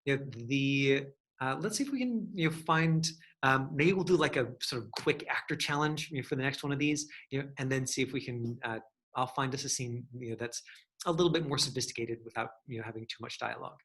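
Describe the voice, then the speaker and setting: During a relaxed online acting class with Q&A, a male coach meanders through encouraging explanations and answers. His mid-range voice is brisk and fairly bright.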